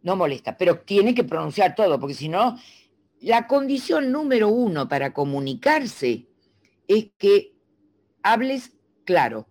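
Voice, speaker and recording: A middle-aged woman from Argentina, a speech coach explaining diction in a teacherly, animated way and demonstrating sounds. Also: medium pitch, a little slow. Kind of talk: interview guest explaining.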